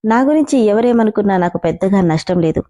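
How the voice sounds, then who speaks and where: A woman's voice: medium pitch, lively intonation, fast talker, warm tone, natural voice. A woman voicing a heartbroken, stubborn young man who insists he is right, in a spoken storybook. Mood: sorrowful. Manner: pained, insistent.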